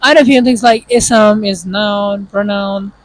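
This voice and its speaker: A Pakistani vlogger whose first language is Urdu speaks in a high-pitched male voice with a Pakistani accent, his intonation fairly even and his pace measured. He gives casual, earnest advice directly to the viewer, explaining things straight to camera. The recording is rough.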